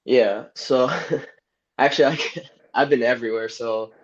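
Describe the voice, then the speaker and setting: Give me a relaxed young man from Egypt chatting as a podcast guest, monotone, over dull lo-fi sound. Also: medium pitch, unhurried. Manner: easygoing, laughs often, rambling. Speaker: guest soccer player. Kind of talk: casual podcast interview. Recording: dull lo-fi audio.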